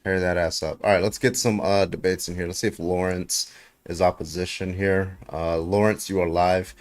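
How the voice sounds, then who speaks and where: A man's voice: sits low, little pitch movement, normal speed. A man in his thirties hosting a casual livestream debate, talking loosely to viewers. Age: 30s. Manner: loose, laid-back chat with viewers.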